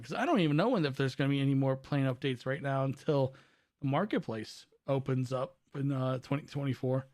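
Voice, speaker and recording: Recorded at studio quality with no echo, a medium-pitched live streamer is losing his voice from overuse as he chatters loosely over gameplay, frequently correcting himself.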